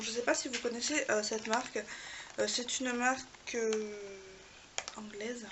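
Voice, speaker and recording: In a casual video, a beauty vlogger shows her makeup palettes to the camera, speaking in a mid-range voice with vocal fry over heavy background noise. She is chatty, with many hesitations and filler words.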